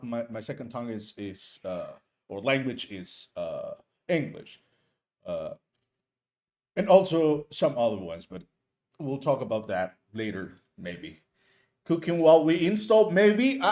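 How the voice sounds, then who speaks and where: Teaching casually on a live stream, a course instructor whose first language is Spanish speaks at medium pitch with a slightly mellow quality. His manner is hesitant, with lots of fillers and false starts, softened by friendly asides.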